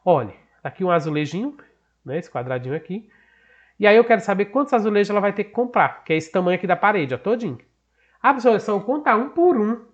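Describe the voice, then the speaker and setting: A man's voice: high-pitched, expressive, fast, highs cut off. A man with a northeastern Brazilian accent, a teacher explaining a math lesson patiently, asking and answering his own questions. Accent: Brazilian Portuguese, northeastern.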